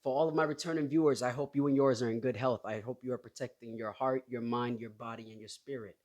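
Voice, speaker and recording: A man's voice: mid-range voice, steady tone, darkish tone. Hesitant Somali-born man hosting a podcast. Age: 30s. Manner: hesitant, halting, with many restarts and fillers. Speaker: podcast host. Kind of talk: casual solo podcast talk.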